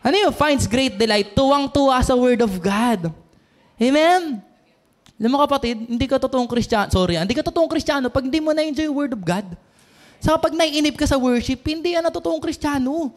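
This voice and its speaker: Male preacher, very high voice, lively sermon, shouts out to the congregation. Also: fairly quick. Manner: animated, calls out to the congregation, often shouts. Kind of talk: energetic sermon.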